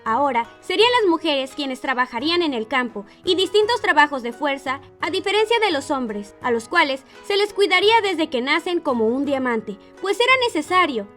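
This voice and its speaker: Woman anime reviewer, high voice, explanatory opinionated narration. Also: fairly bright tone.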